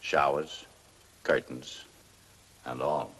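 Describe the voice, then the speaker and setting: An actor playing a tough, dryly mocking police detective in an old crime drama, with clipped slangy talk. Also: male voice, rumbling low, steady tone, extremely slow, a bit bright, husky, heavily acted. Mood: tough, scheming.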